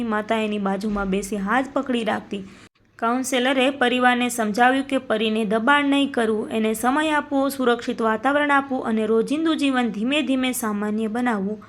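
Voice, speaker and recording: A woman reading a scripted moral story in a steady, solemn narrating voice. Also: a little high, a little fast.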